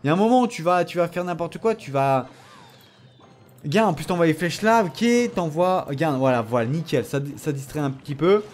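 A man giving animated gameplay commentary, teasing and self-mocking, often laughing and bursting into excited shouts. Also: on the high side, normal speed, soft background music. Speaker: gamer commenting his own matches.

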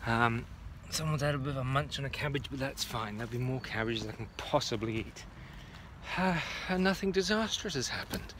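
A man in his forties talks casually into a phone held at arm's length, pottering around an allotment outdoors. His tone is chatty and self-muttering, with faint outdoor ambience and distant traffic behind him. The pitch sits in an ordinary middle range for a man. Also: fairly quick, fairly bright tone. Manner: chatty, muttering to himself as he works. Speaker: vlogger. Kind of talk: casual walk-and-talk vlog. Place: outdoor garden allotment at dusk. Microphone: phone camera at arm's length.

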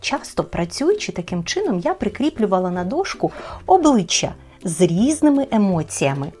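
A woman teacher explaining speech sounds in a clear, deliberate children's lesson. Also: mid-range voice, very animated, mellow.

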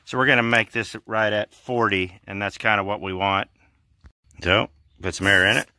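A man's voice: lowish voice, steady tone, normal speed, bright, forceful tone, no echo, clean studio sound. Plainspoken man filming his car work. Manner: plainspoken, offhand, lots of fillers. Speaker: vlogger doing car maintenance. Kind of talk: casual how-to vlog. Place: in a car and outdoors in a driveway. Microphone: handheld camera at arm's length.

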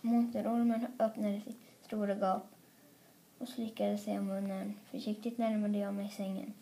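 A woman reading a children's story aloud in an expressive, playful way. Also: medium pitch, a little hiss or hum. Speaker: storybook reader. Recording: roomy echo.

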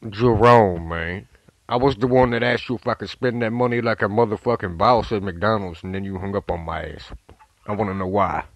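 A man's voice: lowish voice, fairly quick, no room sound, close to an everyday voice. A man playing a brash, foul-mouthed prank caller. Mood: belligerent. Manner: belligerent, swearing, demanding apologies.

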